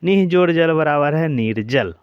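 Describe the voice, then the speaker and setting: A man's voice: a little high, normal speed, clear, resonant tone, no room sound, muffled recording. A man with a Bihari Hindi accent, teaching an exam-prep grammar lesson who drills examples one after another and checks in with his listeners. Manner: repeats examples in a steady drill, checking in with the class.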